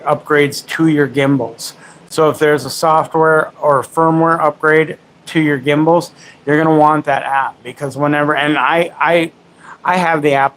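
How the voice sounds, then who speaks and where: A man with a slightly high voice talks through a casual live gadget demo. He rambles and corrects himself mid-sentence while chatting with his viewers. A faint hum of background noise sits under his voice. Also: fairly bright tone, low-quality recording. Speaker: livestream host demoing gimbals.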